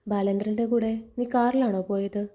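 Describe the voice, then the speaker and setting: A woman's voice: mid-range voice, fairly even intonation, a little fast, dark tone, close to an everyday voice. A woman reading the lines of a domineering, wealthy middle-aged lady of the house in a scornful, scolding way.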